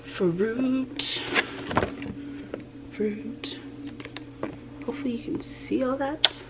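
A woman's voice: a little high, extremely slow. Young woman half-whispering in her kitchen. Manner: quiet, half-whispered show-and-tell. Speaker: vlogger. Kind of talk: casual vlog talk. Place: home kitchen, indoors. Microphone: camera on the counter.

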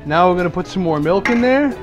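A man's voice: sits high, animated, quick pace. A middle-aged man from Massachusetts with a local accent, explaining each cooking step in a chatty, casual way and laughing at himself now and then. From Massachusetts, USA. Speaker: host cooking for dinner guests. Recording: music playing behind the voice.

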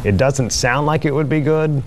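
A man's voice: mid-range voice, moderate pace, a little hiss or hum. An American man in his thirties chatting casually as a news anchor at a studio desk.

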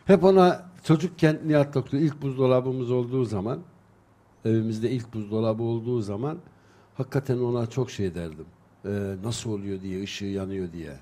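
A man's voice: mid-range voice, moderate pace, mellow. A man chatting in a local TV studio, telling anecdotes in a casual, storytelling way. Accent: Turkish. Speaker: local TV commentator.

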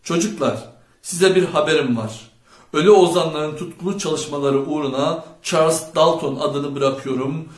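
A man's voice: a little high, moderate pace, lightly acted. A man voicing a bold, charismatic teenage boy who leads his friends, playful and bossy, in an audiobook. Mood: cocky. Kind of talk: audiobook character voice. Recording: roomy echo.

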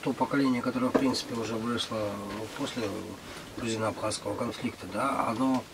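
A man in his late forties speaks emotionally in a casual group talk. Clear room ambience sits behind his voice. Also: mid-range voice, fairly even intonation, fast, heavy background noise. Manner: emotional, heartfelt. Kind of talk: casual chat.

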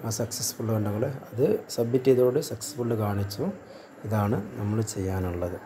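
The same kind of step-by-step walkthrough comes from a tutorial vlogger whose fairly low voice moves briskly over a noisy background. Recording his screen, he leads viewers through an online task, often asking and then answering his own questions.

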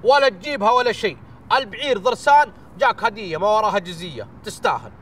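A man's voice: sits high, expressive, fast, fairly bright tone, recorded from a distance, faint music behind. A young man playing a boastful, generous sheikh's son in sketch comedy, with a Gulf Bedouin Arabic accent. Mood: magnanimous. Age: young adult.

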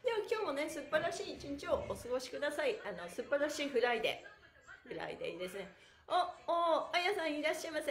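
A middle-aged woman with a slightly high voice hosts a chatty live exercise class, addressing her viewers in a bubbly, playful way. She is a pantomime teacher and livestream host, working in an indoor room with bare walls and an exercise mat, and the sound is roomy.

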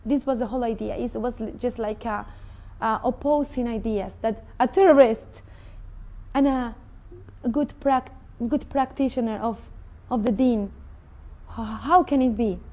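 This interview guest is a middle-aged woman giving personal testimony in a TV studio, her high, mellow voice carrying a Mexican Spanish accent. She is unhurried, earnest and full of feeling, and a clip-on lapel mic captures her up close.

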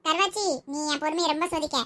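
Woman doing a bratty teen brother, yelling and teasing, very high, Tirunelveli accent. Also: quick pace, background noise, lightly acted. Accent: Tirunelveli Tamil. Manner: loud, teasing, shouting. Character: cheeky teasing teenage boy pestering his sister.

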